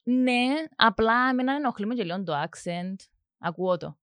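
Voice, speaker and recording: In a dry recording, a young woman's fairly high, fairly bright voice answers interview questions casually. She is a music production student with a Cypriot Greek accent who hesitates with many fillers and mixes English words into her speech.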